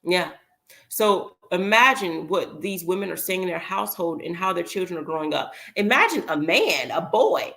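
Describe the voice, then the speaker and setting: Woman commentator with a gravelly, low-pitched voice, talking off the cuff and emphatically. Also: animated, pushed and bright. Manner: emphatic, rambling, with pauses to remember. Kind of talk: casual opinion commentary.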